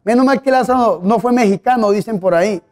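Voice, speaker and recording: High-voiced male priest preaching. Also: fast talker, a little mellow. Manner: conversational, asks the audience questions, tells humorous anecdotes. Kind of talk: sermon.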